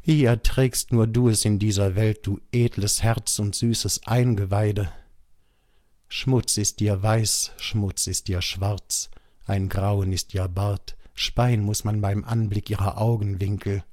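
A man's voice: fairly low pitch, fairly even intonation, slow pace, a little mellow, dry recording, clean studio sound. A man voicing an old male jackal who pleads in a lamenting tone. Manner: lamenting, imploring.

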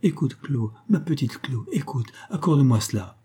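A man's voice: medium pitch, expressive, moderate pace, dark tone, slightly rough, voice pushed up. A man reading aloud and voicing a proud, broke young man who pleads and stammers, then puts on dignity. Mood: pleading.

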